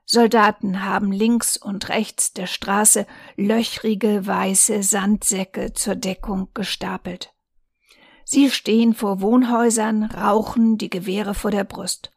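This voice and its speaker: A woman reading a newspaper reportage aloud in a calm, measured way. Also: mid-range voice, gravelly, no room sound, clean studio sound. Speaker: volunteer reader.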